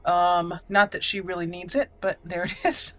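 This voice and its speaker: This woman's voice sits on the low side, a bit bright, with a flat delivery at normal speed. She hosts a let's play, casually commenting on the game and talking through her decisions as she goes.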